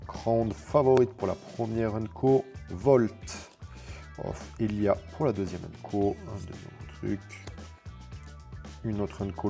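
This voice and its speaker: A man casually commenting while opening card packs, reading card names slowly and explaining the rules in quick asides, with fillers and self-corrections. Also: on the low side, gravelly, warm tone. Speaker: card game content creator.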